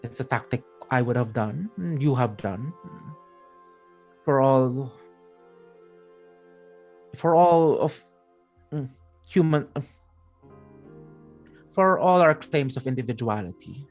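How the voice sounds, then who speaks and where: A sinister spider crime lord, voiced by a man running a tabletop game, calm and deliberate. He measures out his phrases at a middle male pitch, with music playing faintly behind. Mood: calm, knowing.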